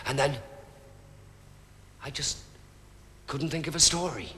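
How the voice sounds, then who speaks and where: An actor playing a storyteller who narrates his tale theatrically in a television drama, slow and hushed, sometimes dropping to a whisper. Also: a little high, steady tone, husky, big-room sound, heavily acted. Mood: grave. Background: music.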